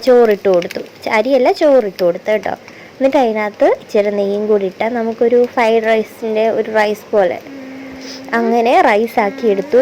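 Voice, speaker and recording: A woman's voice: fairly high pitch, darkish tone, slight background noise. A mother narrating a family vlog in a chatty way, explaining step by step and correcting herself as she goes. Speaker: vlogger and mother.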